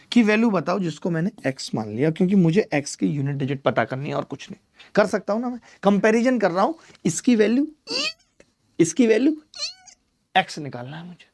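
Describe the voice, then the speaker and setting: A man teaching a live online maths class, chatty and teasing, who explains step by step and repeats key numbers. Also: high-pitched. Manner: chatty, teasing asides to students by name.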